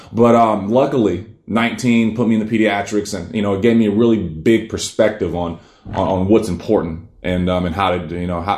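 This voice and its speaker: A man's voice: lowish voice, a little mellow. Earnest rambling man in an echoey room. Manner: rambling, many fillers and restarts, earnest. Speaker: cancer survivor telling his story. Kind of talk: casual personal storytelling.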